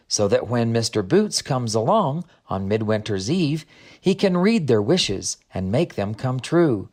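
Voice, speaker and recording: A man with a medium-pitched, slightly mellow voice plays Greta, a friendly woman guide, in audiobook character dialogue. He patiently explains the customs of her land.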